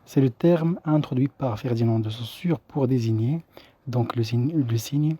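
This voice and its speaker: A man teaching a recorded linguistics lesson, explaining slowly with many restarts and fillers. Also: medium pitch, dark tone, a little hiss or hum. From Morocco.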